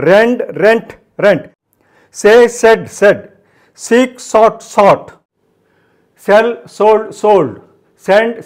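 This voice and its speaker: A man teaching English grammar with a Telugu accent, reciting verb forms in a steady drill and repeating each form twice. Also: high-pitched.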